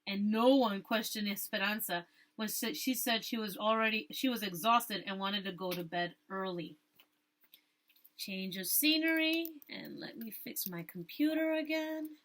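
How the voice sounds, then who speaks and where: A woman teacher with a medium-pitched, slightly bright voice reads a storybook aloud to her listeners, rereading phrases she stumbles on and pausing to explain things.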